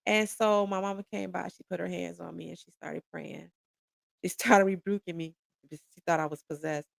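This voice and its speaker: A woman from Detroit, a podcast guest, telling a personal story in an animated, conversational way. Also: fairly low pitch, brisk, creaky, no echo.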